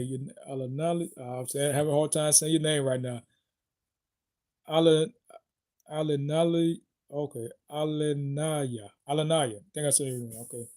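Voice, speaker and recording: Mellow-voiced man rambling a sign-off. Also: medium pitch. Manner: rambling, halting, searching for words. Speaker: video host. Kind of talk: casual vlog sign-off.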